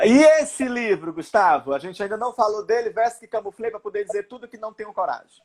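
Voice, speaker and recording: A man's voice: high voice, slightly rough. A man with a Brazilian Portuguese accent hosting a casual interview, asking questions with hesitant fillers and laughing along. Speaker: host.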